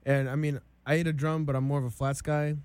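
A young man co-hosting a food taste test, reviewing each dish slowly and deliberately with many ums. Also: on the high side, little pitch movement, a little mellow, clear, resonant tone, no echo. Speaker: co-host.

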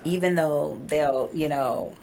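Low gravelly woman chatting. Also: slow, slight background noise. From United States. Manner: animated storyteller, acts out quotes. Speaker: podcast guest, event organizer. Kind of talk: casual interview chat.

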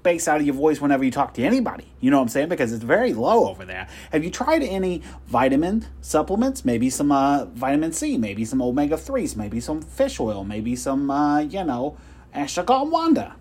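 A man's voice: a little high, huge pitch swings, brisk, slightly rough, full character voice. A man playing a pushy, insulting telemarketer who brags and swears. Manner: loud, insulting hard sell. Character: pushy rude male phone salesman.

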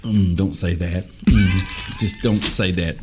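A man's voice: low voice, fairly even intonation, slow pace, music in the background. A man co-hosting a casual podcast, laughing often and humming while he chews. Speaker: podcast co-host. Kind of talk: casual chat.

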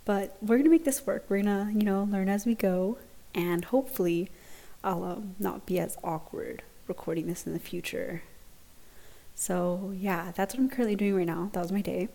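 A woman's voice: mid-range voice, normal speed, gravelly, mellow. A young woman giving a casual solo podcast update in an awkward, hesitant, self-conscious way, recorded on earphones in a dorm lounge. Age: young adult. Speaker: podcast host. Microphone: laptop recording with earphone mic.

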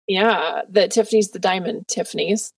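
A woman's voice: mid-range voice, moderate pace, creaky, no echo. A woman hosting a casual podcast, playful and self-mocking. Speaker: podcast host. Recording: dry, slightly distant mic.

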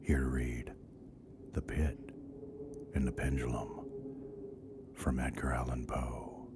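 A man playing a sinister old horror actor who tells bedtime stories in a slow, creeping, breathy whisper, in a radio play. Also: a bass voice, fairly even intonation, heavy background noise, exaggerated voice. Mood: menacing. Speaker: horror storyteller. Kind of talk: radio bedtime story narration. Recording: loud music behind.

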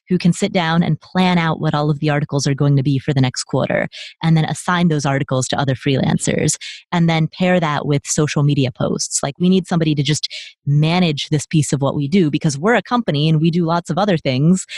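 A woman born in Nepal, a podcast guest telling her story in a lively, self-correcting conversational way. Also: deep voice, no room sound, studio quality. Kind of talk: conversational interview.

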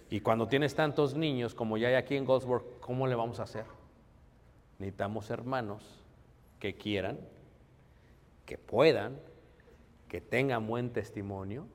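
A man preaching a sermon conversationally, often calling out to his congregation as brothers. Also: mid-range voice. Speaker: pastor. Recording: long hall reverb.

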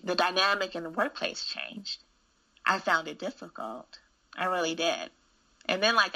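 Frank woman, low gravelly voice with a bright edge; candid, chatty storyteller. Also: low-quality recording. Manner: candid, frank, animated storyteller with frequent restarts. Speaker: school administrator. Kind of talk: casual conversation.

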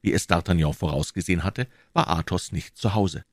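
Male audiobook reader, expressive and measured, dry close recording. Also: low voice, no room sound. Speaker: audiobook narrator. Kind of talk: storybook narration of a classic novel.

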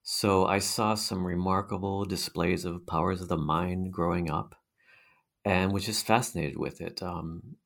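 A man's voice: low-pitched, steady tone, unhurried, creaky, fairly bright tone. A middle-aged man with a hypnotic, mesmerizing voice, answering interview questions conversationally as a guest researcher.

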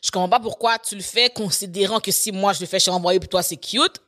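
A woman telling stories in casual chat, animated and laughing often. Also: mid-range voice, quick pace.

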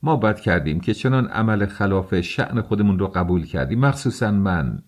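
A man's voice: lowish voice, animated, mellow. A man voicing an agitated middle-aged mother who argues sharply to protect her daughter, in an audiobook reading. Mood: indignant.

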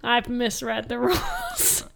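A woman co-hosting a podcast in casual chat, tossing out teasing, deadpan quips. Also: fairly high pitch, takes it slowly, gravelly, slight background noise. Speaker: podcast co-host.

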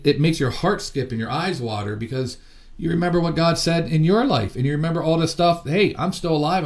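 A middle-aged man delivering a heartfelt sermon in a gravelly voice of ordinary pitch. He speaks earnestly, often restarting his sentences and filling pauses with "you know". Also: darkish tone. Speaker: ministry founder and preacher. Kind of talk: sermon teaching.

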